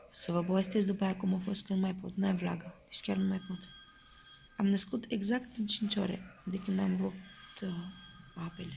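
Young female vlogger, candid and chatty to camera, mid pitch, a touch of vocal fry. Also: little pitch movement, darkish tone, a little hiss or hum. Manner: chatty, candid, talks straight to viewers. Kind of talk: casual vlog to camera.

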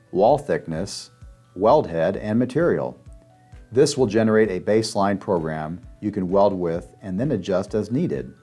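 Male voice-over, very low pitch, steady instructional read, faint music behind. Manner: steady instructional step-by-step delivery. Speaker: narrator of a demonstration video. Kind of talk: scripted narration.

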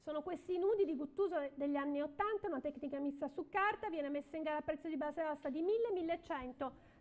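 High-pitched woman auctioneer, repetitive bid calling. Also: fast, a little mellow. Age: middle-aged. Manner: repeats bids and counts in short phrases. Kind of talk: live art auction, calling lots and bids. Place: indoor auction room, at a podium.

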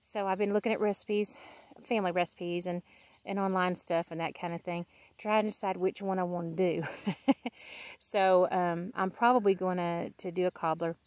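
A woman's voice: lowish voice, steady tone, normal speed, a little mellow. A woman in her fifties walks outdoors through a blackberry patch and films a homey, chatty vlog with fillers and easy laughs. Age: 50s. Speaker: vlogger.

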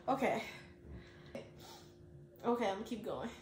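High woman's voice, slangy reaction host, slow-paced, exclamatory, roomy sound. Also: expressive, a little hiss or hum. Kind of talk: casual reaction commentary. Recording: roomy with faint background music.

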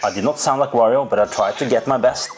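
A man hosting a casual video game session, playful and quick to laugh. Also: mid-range voice, rough recording. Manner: playful, laughs often, slips into silly voices. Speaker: gaming channel host. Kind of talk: casual gameplay chat.

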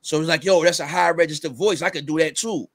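Speaking with no echo through a headset, a middle-aged man with a fairly high-pitched voice guests on a casual video-call interview as a rapper. Lively and full of fillers, he delivers rap lyrics in quick, energetic spurts.

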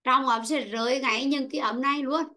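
A woman's voice: high voice, fairly even intonation, fairly quick, sharp tone. A woman teaching an online English lesson, patiently calling on pupils by name and explaining word stress. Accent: Vietnamese.

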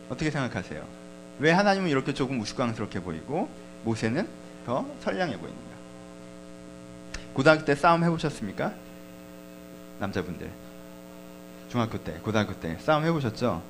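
A man's voice: medium pitch, very animated, normal speed, long pauses, noisy background. A man preaching a sermon as pastor, talking conversationally and asking the congregation questions.

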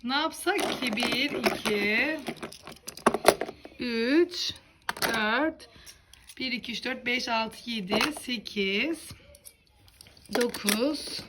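A woman's voice: on the high side, drawn-out words, pauses often, very noisy. A woman hosting a children's toy channel, counting aloud and mildly fretting as the toy cars keep falling over. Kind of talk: toy play narration for children.

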